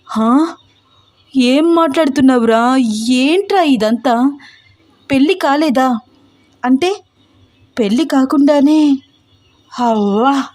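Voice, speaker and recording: A woman voicing a furious, strict middle-aged mother who scolds in shrill outbursts. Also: moderate pace, long pauses, a little mellow, natural voice. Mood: angry scolding.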